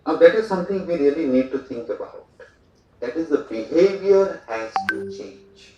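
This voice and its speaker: A man's voice: fairly high pitch, lively intonation, moderate pace, darkish tone, soft background music. A man from India giving a conversational speech at a port event, with fillers and asides. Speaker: speaker at a port day event. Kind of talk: public speech with anecdotes. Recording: echoey hall, voice from far off, dull sound.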